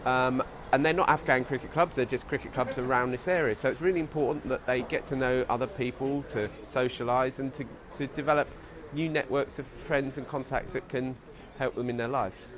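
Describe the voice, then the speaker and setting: A man's voice: medium pitch, steady tone, a little fast, few pauses. Earnest man explaining charity work outdoors. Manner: earnest, searches for words. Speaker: youth charity representative. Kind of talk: explanatory interview answers. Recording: outdoor recording with clear background noise.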